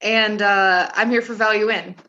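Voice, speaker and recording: A woman's voice: medium pitch, steady tone, normal speed, noisy background. A woman from Arkansas, an actress, introducing herself chattily with small hesitations. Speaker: nominated actress. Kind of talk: self-introduction. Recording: dull lo-fi video call.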